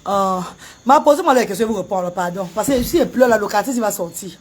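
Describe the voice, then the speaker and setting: A woman from Cameroon, chatting casually on a live stream and breaking into loud wailing chants. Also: medium pitch, lively intonation, fast, slight background noise. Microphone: phone camera.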